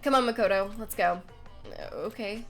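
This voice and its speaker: Reading a game aloud on her livestream, a young woman chats casually, rambling and poking fun at herself. Her medium-pitched voice is nasal and stuffed up, like a cold or a pinched nose, at a normal pace with faint music behind.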